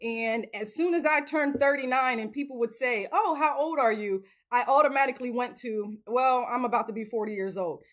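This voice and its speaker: Earnest woman in her late thirties. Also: high voice. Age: 30s. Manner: earnest, emphatic, repeats phrases for stress. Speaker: self-help channel host. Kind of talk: casual motivational talk to camera.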